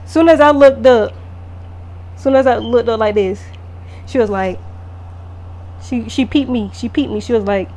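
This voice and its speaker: A woman makeup artist telling a casual storytime vlog, animated and profane, full of fillers. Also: a little high, a little slow, long pauses.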